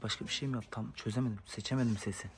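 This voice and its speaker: A man, a father and dog owner, chatting casually to viewers in a yard while giving sharp commands to his dogs. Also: lowish voice, fairly even intonation, rapid-fire, very noisy. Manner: sharp commands to dogs, shooing them back. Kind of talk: casual vlog talk to viewers.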